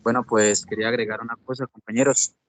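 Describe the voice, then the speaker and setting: A man's voice: mid-range voice, little pitch movement, fast, a bit bright, slight background noise. A man, a student, adding a hesitant remark to a class discussion, full of fillers. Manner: hesitant, filler-heavy phrasing.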